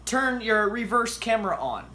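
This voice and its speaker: A man's voice: high voice, very animated, moderate pace, pushed and bright. A man hosting a goofy home cooking tutorial, reading recipe steps aloud and making up silly facts. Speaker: cooking show host. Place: home kitchen.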